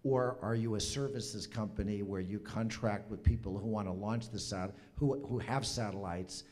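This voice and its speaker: A man judging a pitch competition, spontaneously restating and probing to clarify. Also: normal speed, a little mellow.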